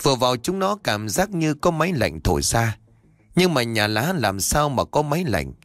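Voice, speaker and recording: Expressive male horror storyteller. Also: mid-range voice, moderate pace, no room sound. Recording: faint background music.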